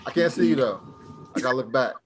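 A man's voice: mid-range voice, animated, quick pace, slight background noise. A man teaching a live online Hebrew class, speaking casually and drilling students with questions.

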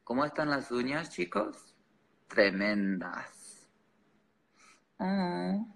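With a gravelly, slightly bright mid-range voice, this Chicago man draws out his words and is very animated. He hosts a livestream, talking casually to viewers with sass and slang and mixing English with Spanish. English is his first language, and he has an American accent.

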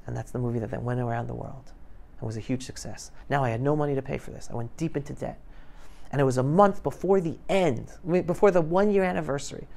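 In a school classroom, a middle-aged man who makes films tells students his story as a guest speaker, voicing conversations as he goes in an emphatic, colloquial style. His medium-pitched voice is creaky and a little mellow, picked up by a clip-on lapel mic.

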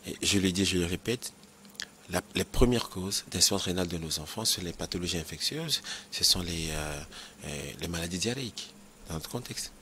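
Didactic doctor, lowish voice. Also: male voice, a little fast, sharp tone, a little hiss or hum. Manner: didactic, repeats key points, checks understanding. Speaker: nephrologist. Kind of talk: explanatory health interview.

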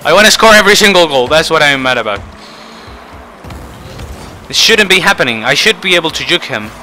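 A man giving frustrated gameplay commentary, swinging between muttering and shouting. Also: on the high side, animated, a little fast, faint music behind, poor audio. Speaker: gaming channel host.

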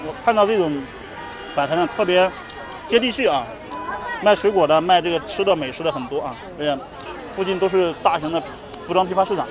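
A man's voice: sits high, fairly quick, long pauses, crowd noise. A man in his thirties hosting a casual street vlog, chatty and full of questions, sometimes hawking food like a vendor. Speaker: vlog host. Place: outdoor street market. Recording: busy crowded street with traffic.

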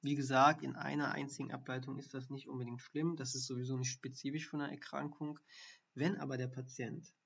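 Gravelly man teaching ECGs live. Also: mid-range voice, little pitch movement, fairly quick, fairly bright tone. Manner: explanatory, thinking aloud with fillers. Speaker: doctor teaching ECG reading. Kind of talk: live-streamed medical lesson. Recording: dull lo-fi stream audio.

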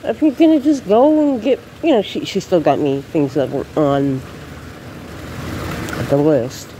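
This beauty vlogger, congested with a cold, rambles and laughs through stories as she walks outdoors filming a casual vlog on a handheld phone. Her voice is low-pitched and dark, moving a little slowly over the noise of the outdoor recording.

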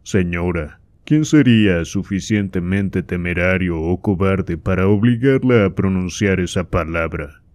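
A stern, troubled king speaks in measured, deliberate phrases, voiced by a man reading a novel. His voice is low and slow. The sound is dark and dry. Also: no echo.

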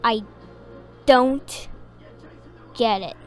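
High-voiced woman rambling over gameplay. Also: drawn-out words, soft background music. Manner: rambling, hesitant, many ums. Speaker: gaming video creator. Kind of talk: casual gameplay commentary.

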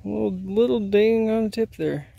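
An arrowhead hunter from Indiana films his finds while walking a crop field, narrating a casual outdoor vlog in a rambling, easygoing, self-deprecating way. His voice is somewhat high and gravelly, at a moderate pace. Captured outdoors by a handheld camera mic, the audio is narrow and tinny, with no room sound.

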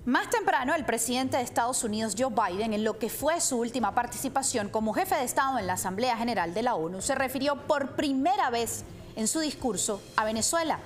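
A woman in her thirties presents the news in a studio, adding pointed commentary and speaking emphatically into a lapel mic while gesturing. Her voice is a little high and a little fast, with lively intonation.

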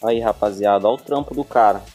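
A man with a Brazilian Portuguese accent hosting a casual vlog from a home garage, chatting in a relaxed, slangy way and often turning to his viewers. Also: lowish voice, fast talker, faint music behind. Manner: laid-back, slangy, keeps addressing the viewers. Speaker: channel host. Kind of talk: casual chat.

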